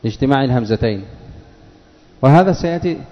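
A male teacher giving a classroom lesson, patiently asking questions and repeating words slowly for his students. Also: mid-range voice, animated. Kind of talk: classroom lesson on Arabic spelling. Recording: dull lo-fi recording, long reverb of a hall.

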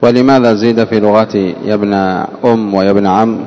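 Man teaching grammar class, low voice, asks then repeats answers, long hall echo. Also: steady tone, fast talker, a little mellow. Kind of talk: classroom lesson on a grammar text.

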